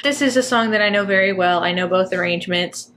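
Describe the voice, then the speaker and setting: Talking to camera in a music reaction video, the host is effusive and casual, rambling with fillers and restarts. Her medium-pitched, slightly bright voice moves quickly, with a little hiss or hum in the audio.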